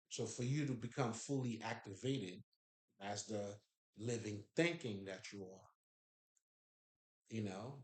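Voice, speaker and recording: In an echoey room, a spiritual speaker with a Haitian accent gives a casual spiritual talk in a lowish, darkish voice. He's loose and emphatic, swears freely, and laughs a lot.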